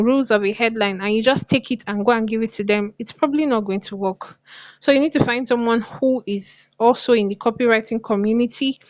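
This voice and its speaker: A woman's voice: on the high side, no room sound, dull audio. A woman with a lisp and slushy s sounds, teaching casually as a coach and repeating phrases for emphasis. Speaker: copywriting coach. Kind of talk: casual online lesson to viewers.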